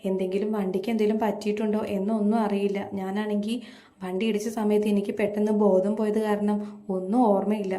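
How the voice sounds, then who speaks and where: Woman reading a calm, injured young husband. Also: medium pitch, fast talker, roomy sound, natural voice. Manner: calm reassuring explanation.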